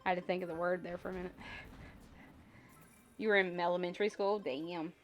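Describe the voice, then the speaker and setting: This woman's fairly low, steady voice moves a little fast, and the recording has its highs cut off. Hosting a casual livestream over background music, she rambles and muses aloud to viewers, slightly congested with a lingering cough.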